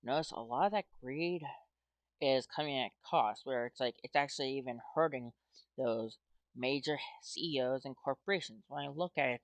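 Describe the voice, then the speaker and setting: An American YouTuber plays a game while rambling hesitantly through his thoughts, peppering his casual commentary with "well" and "like." His voice is medium-pitched, and the recording is dry and muffled.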